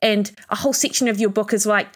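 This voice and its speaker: A woman's voice: mid-range voice, steady tone, fast talker. A woman hosts a podcast in a medium voice, talking things through in an easy, conversational way. Her remarks come across as reflective and considered. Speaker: podcast host. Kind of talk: casual chat.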